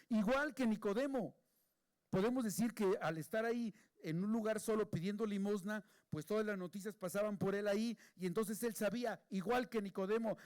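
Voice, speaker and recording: A man preaching a sermon, moving between hushed, pleading passages and raised, emphatic ones. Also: high-pitched.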